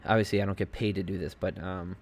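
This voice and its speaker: A man's voice: low voice, flat delivery, quick pace. A man hosting a podcast alone, giving casual, rambling commentary on fight results from a home desk setup, full of fillers and asides. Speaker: podcast host.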